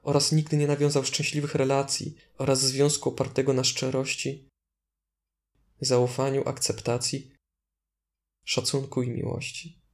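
A man leading a guided meditation as instructor, speaking in a calm, deliberate way with gentle prompts. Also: medium pitch.

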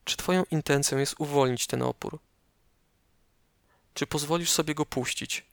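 A man narrating a guided meditation slowly and calmly, giving measured instructions with pauses, close up as if right in your ear. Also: fairly high pitch, vocal fry, no room sound.

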